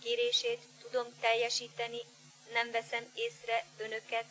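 An obedient robot nurse in a radio play, her raised voice held completely flat and mechanical. Every reply comes out in the same dutiful, toneless manner. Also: a little high, faint music behind, low-quality recording.

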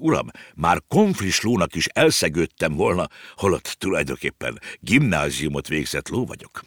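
A man voicing a well-mannered, educated talking horse from the circus who is now out of work, speaking formally and courteously, in a low voice. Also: a bit bright, no echo, clean studio sound, full character voice.

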